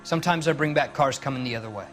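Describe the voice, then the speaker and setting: An actor playing a cornered car thief, defensive and slangy, in a 1940s crime video game. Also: male voice, mid-range voice, very fast, faint music behind, natural voice. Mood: cornered, giving in. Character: defiant, cornered male car thief under police questioning.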